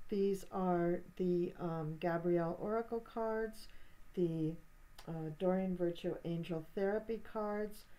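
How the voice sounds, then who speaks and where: Calm older woman giving a card reading. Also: lowish voice, low-quality recording. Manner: calm, steady, reassuring guidance with small restarts. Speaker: tarot card reader.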